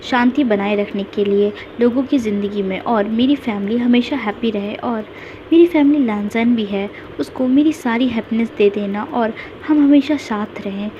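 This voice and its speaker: A woman narrating a retold fan fiction story at a steady storytelling pace. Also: on the high side, moderate pace. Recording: dull lo-fi with faint hiss.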